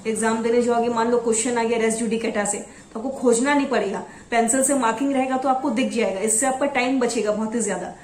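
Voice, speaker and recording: A woman's voice: on the high side, fairly even intonation, darkish tone, roomy sound, slight background noise. Woman tutor reading law topics aloud. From Assam. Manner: instructive, reads out headings slowly, then explains. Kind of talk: exam coaching lesson.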